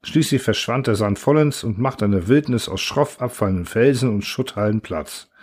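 Steady male audiobook narrator. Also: on the low side, normal speed, slightly rough. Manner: steady, even audiobook reading. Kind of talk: scripted narration.

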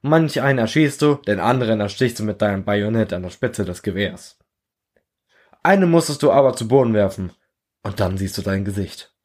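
A man reading his own short story aloud in a measured, earnest second-person storytelling voice. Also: on the low side, lively intonation, a little mellow. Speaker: narrator.

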